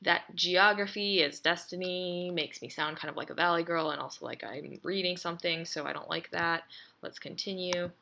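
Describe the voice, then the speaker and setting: A woman's voice: on the low side, steady tone, normal speed, creaky, pushed and bright. A woman walks through editing her voice recordings step by step, explaining each click and rereading sentences she wants to fix. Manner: explains each step aloud, then reads test takes. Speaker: audio editing tutor. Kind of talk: screen-recorded software tutorial. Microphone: desk mic, then a quieter built-in mic.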